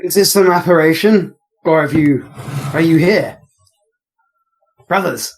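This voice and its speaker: A man's voice: a little high, unhurried, voice pushed up, rough recording. A man doing a faint howling demon voice. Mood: eerie beckoning. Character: malevolent male demon mimicking a comrade. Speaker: game master. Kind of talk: voicing a figure in a tabletop game.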